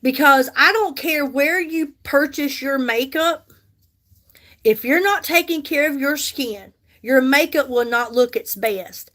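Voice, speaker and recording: Speaking a little slowly in a high-pitched, slightly bright voice, a woman in her 50s from the United States does her makeup live. She chats casually, reads out viewers' comments and replies, and repeats herself for emphasis.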